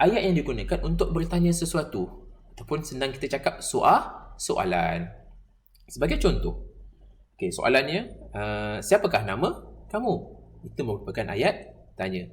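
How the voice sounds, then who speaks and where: A young male primary school teacher with a Malaysian accent, giving an online grammar lesson and asking the class questions he answers himself. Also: medium pitch.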